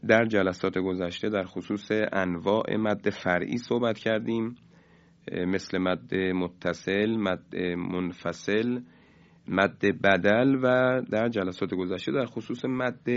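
A man with a fairly low pitch gives a radio lesson on Quran recitation rules; he is measured, lingers slowly over key terms and chants sample words at greater volume. The audio has its highs cut off.

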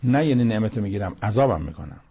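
Husky, gravelly man teaching scripture. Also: fairly low pitch, animated, warm tone. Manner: explanatory, repeats key phrases for emphasis. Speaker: Quran commentator. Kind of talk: religious commentary lesson.

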